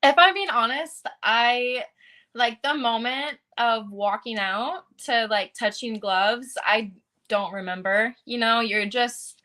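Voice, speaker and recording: Woman, young adult, bright tone, earnest, casual interview talk. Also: on the high side, slow pace. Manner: earnest, with fillers and laughs. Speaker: fighter interviewed.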